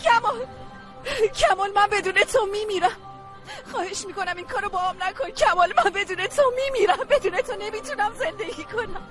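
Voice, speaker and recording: A woman's voice: very high voice, bright, forceful tone, faint music behind. A woman dubbing a heartbroken young wife who cries and pleads in a TV drama. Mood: desperate. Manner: pleading, sobbing. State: crying. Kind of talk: Persian dub of a TV drama.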